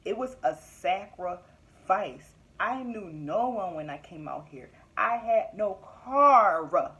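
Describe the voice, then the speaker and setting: A woman's voice: medium pitch, animated, takes it slowly, highs cut off. Young woman vlogger, candid and emphatic, casual motivational talk with frequent laughter. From Philadelphia area, US. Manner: candid, emphatic, laughs often, repeats points. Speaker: vlogger and business owner.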